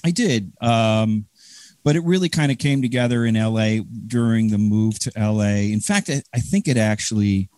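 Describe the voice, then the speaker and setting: A man from the Chicago area with a Chicago accent, chatting as a guest in a rambling, halting way full of fillers. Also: lowish voice, darkish tone, no echo. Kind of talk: casual interview chat.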